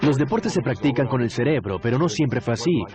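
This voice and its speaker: A man's voice: medium pitch, expressive, brisk, lightly acted. A man voicing a male expert explaining in a dubbed documentary interview, with music behind. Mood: explanatory.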